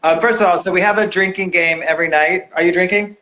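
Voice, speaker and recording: Host, male, higher voice, chatty and teasing, nightly video-call talk show. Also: fairly even intonation, quick pace, bright, forceful tone. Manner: chatty, playful, filler-heavy. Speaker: podcast host. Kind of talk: casual video-call interview.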